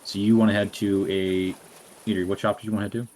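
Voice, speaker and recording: A man narrating a tabletop game as dungeon master, relaxed and rambling with fillers. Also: fairly low pitch, quick pace.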